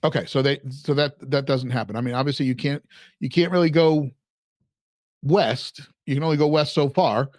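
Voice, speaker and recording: A man's voice: medium pitch, fairly even intonation, normal speed, no room sound, studio quality. A man hosting a casual podcast, rambling a little and reading out numbers. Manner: rambling, reads out figures. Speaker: podcast host.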